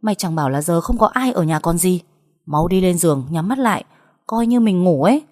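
A woman doing a blunt, sharp-tongued stepsister. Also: on the low side, animated, brisk. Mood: scolding. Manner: blunt, scolding, rough-talking. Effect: heard over a phone call.

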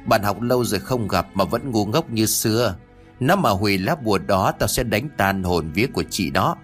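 A man's voice: on the low side, animated, moderate pace, faint music behind, close to an everyday voice. A man voicing a wicked old male sorcerer who mocks and sneers at his enemies. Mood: sneering. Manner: mocking, sneering.

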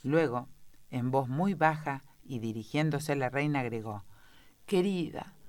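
A woman with an Argentine accent reading a storybook aloud in a measured way. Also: very deep voice, darkish tone, dry recording. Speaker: audiobook narrator. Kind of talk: scripted storybook narration.

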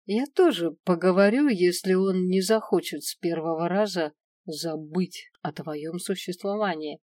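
Brief: smug dragon man, read by a woman, low calm voice, unhurried and dry. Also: dry recording, recorded from a distance, close to an everyday voice. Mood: calm, wry. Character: self-assured male dragon lover, cool and teasing.

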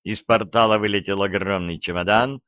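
Low-voiced guy reading a fantasy audiobook, dry dull audio. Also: fairly even intonation, moderate pace, a bit bright, no echo. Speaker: narrator. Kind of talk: audiobook narration.

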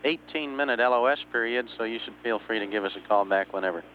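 A man's voice: medium pitch, fast talker. A man working as a mission control communicator, making brief procedural calls over walkie-talkie radio. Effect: radio transmission. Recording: narrow-band walkie-talkie radio, hum and beeps.

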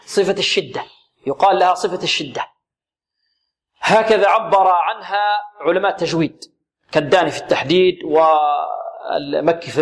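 A man teaching Quran recitation rules, asking questions and answering them himself, and drawing out the recited words slowly. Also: high-pitched. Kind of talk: tajweed lesson with recited examples.

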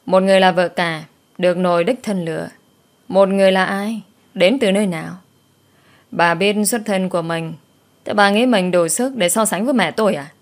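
A woman's voice: mid-range voice, normal speed, natural voice. A woman voicing a cold, sarcastic young woman taking revenge.

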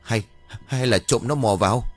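A man's voice: moderate pace, breathy edge, dry recording, faint music behind, close to an everyday voice. A man voicing a terrified wealthy landowner in an audiobook ghost story, crying out in panic. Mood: trembling. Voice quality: shrill panicked shouting.

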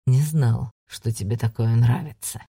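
A woman's voice: very deep voice, a little slow, mellow, breathy edge, no echo, clean studio sound, voice pushed down, full character voice. A woman voicing a contemptuous male demonic guardian who hisses and mocks in an audiobook. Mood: mocking. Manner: hissing, contemptuous, mocking. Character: sneering male demonic guardian, arrogant, menacing.

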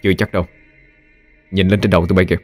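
A man's voice: low-pitched, flat delivery, very fast, a little mellow, soft background music, close to an everyday voice. A man voicing a brave, wary young exorcist who speaks firmly and chants spells with command.

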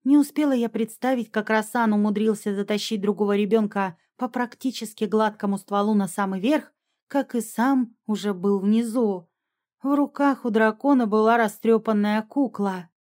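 A woman narrating a fantasy audiobook in the first person, in an even, measured way. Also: medium pitch.

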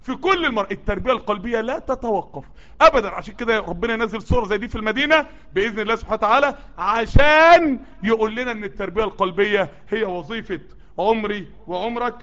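Egyptian-accented male preacher, worked up and sweaty, bright sharp voice, exhorting at speed. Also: high voice, fast. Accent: Egyptian Arabic. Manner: urgent, exhorting, repeated calls that build up. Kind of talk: sermon to a live group. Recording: dull lo-fi recording.

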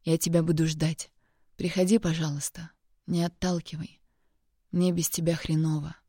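A woman's voice: low voice, little pitch movement, moderate pace, mellow, no room sound, clean studio sound. Woman reading as a blunt young man pleading. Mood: soft. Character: rough young man pleading with his girlfriend. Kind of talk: audiobook reading.

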